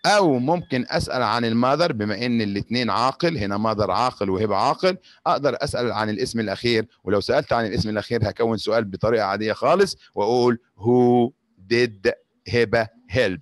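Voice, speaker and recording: Egyptian teacher dictating English slowly. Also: male voice, mid-range voice, dry recording. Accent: Egyptian Arabic. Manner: slows down sharply to dictate English sentences; switches quickly between Arabic explanations and English examples. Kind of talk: grade-school English lesson.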